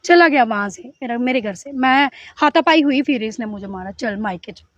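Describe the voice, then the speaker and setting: A woman's voice: high-pitched, lively intonation, moderate pace, dry recording. A middle-aged woman giving an earnest, pleading personal testimony to an interviewer, often acting out what others said. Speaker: interviewee telling her account. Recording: dull, dry lo-fi recording.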